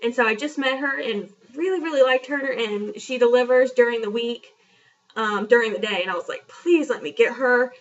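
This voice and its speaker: A young woman vlogs a personal story at a normal pace in a slightly high voice. Chatty, frank and self-deprecating, she fills her speech with fillers, and the audio comes across dull and lo-fi from a distance.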